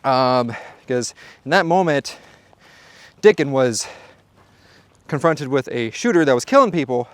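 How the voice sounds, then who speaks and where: A man's voice: medium pitch, expressive, measured pace, pauses often, clean tone, dry recording. A man hosting a shooting-range video, talking to the viewer in a playful, joking way. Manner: playful, jokey, talks to the viewer. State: out of breath at times. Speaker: shooting channel host. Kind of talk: casual vlog narration at the range.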